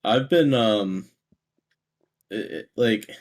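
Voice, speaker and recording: A man's voice: fairly low pitch, slow pace. A man co-hosting a podcast in casual chat, rambling with frequent restarts and easy laughs. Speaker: podcast co-host.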